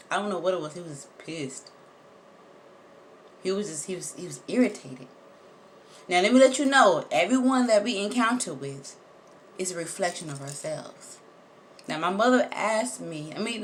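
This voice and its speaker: A woman telling a personal story straight to her viewers, animated and emphatic, repeating words for effect and swearing casually. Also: fairly low pitch, slight background noise. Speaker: vlogger.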